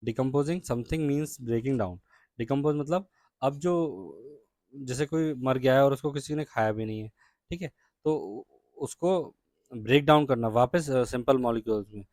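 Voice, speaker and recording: Reading English lines slowly before explaining them in Hindi, an Indian-accented man teaches science to kids and keeps asking "ठीक है?". His mid-range voice is a little mellow, with no echo.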